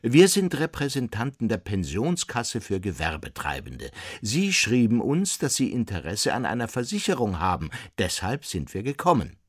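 A man's voice: medium pitch, very animated, normal speed, few pauses, slightly rough, no echo, studio quality, voice pushed up. A man voicing a wisecracking insurance agent who talks in a glib, businesslike way.

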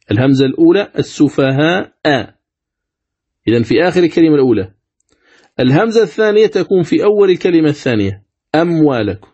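A fairly high-voiced man with a mellow, dark tone teaches Quran recitation. He explains each rule step by step, then chants the examples with long, stretched vowels. The recording sounds dull and lo-fi. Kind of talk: recitation lesson.

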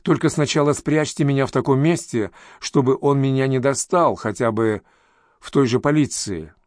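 A frightened young woman pleading in a hush, as a male reader puts her on. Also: medium pitch, moderate pace, no room sound, studio quality, close to an everyday voice.

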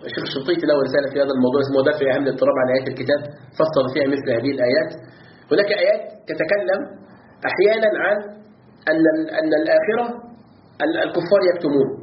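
Male teacher, rapid-fire, drills students with questions; roomy, dull classroom recording. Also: fairly high pitch. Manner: questions the students often, repeats words to drill them. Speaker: teacher explaining Quran commentary. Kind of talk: classroom lesson. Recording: roomy, slightly dull recording with faint background noise.

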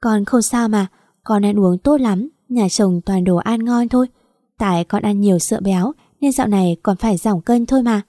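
A woman's voice: mid-range voice, normal speed, dark tone, dry recording, studio quality, natural voice. A woman voicing an unhappy young wife, tearful and pleading. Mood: forced cheer.

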